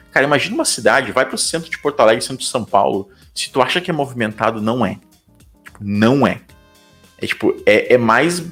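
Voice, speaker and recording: Man, Brazilian Portuguese accent, young adult, casual storytelling, animated, soft music underneath. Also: medium pitch. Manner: animated, talks with fillers like "cara" and "tipo". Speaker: guest.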